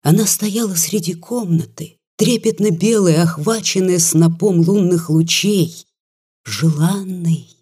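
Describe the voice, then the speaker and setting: An audiobook reader narrating a literary story in a slow, measured, subdued way. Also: medium pitch, dark tone, breathy edge.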